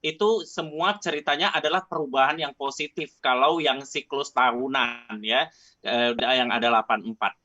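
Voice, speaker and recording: A man's voice: mid-range voice, moderate pace, bright, forceful tone, dry recording. A man heard over an online call line, a guest expert explaining things in a chatty, casual way. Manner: chatty, often ends phrases with a casual tag. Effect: heard over an online call line that drops out. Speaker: guest expert answering questions. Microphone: remote call mic. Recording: dull, dry call audio.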